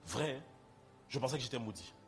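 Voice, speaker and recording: Delivering a sermon with personal testimony, a young man with a French Caribbean accent speaks straight to his congregation in a chatty way. His medium-pitched voice is expressive and a little fast, with faint music underneath.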